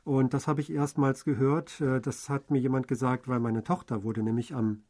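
A man co-hosting a radio program, explaining in conversation in a fluent, measured way. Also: medium pitch, level tone, a little mellow.

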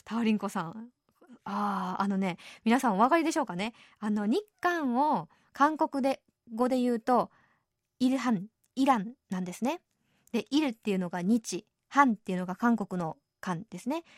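Woman radio host, chatty and easygoing, fairly high voice, dry close studio sound. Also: normal speed, no room sound. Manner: chatty, adds soft tag particles often. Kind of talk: radio program presenting.

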